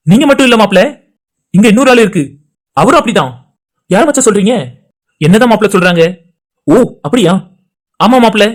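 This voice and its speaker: A man voicing friends in casual banter for a home-made cartoon. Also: high-pitched. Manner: rapid, chatty everyday banter between friends. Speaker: cartoon channel creator voicing all characters. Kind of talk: cartoon dialogue voice acting.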